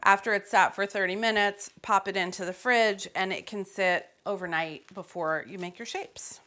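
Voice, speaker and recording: A woman walks viewers through a recipe in a relaxed, joking way, her voice sitting at an ordinary middle pitch. She talks in a loose, offhand manner full of casual asides. It sounds like an everyday home kitchen. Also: normal speed. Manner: chatty and playful, with loose fillers. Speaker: cooking host. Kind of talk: casual cooking demonstration.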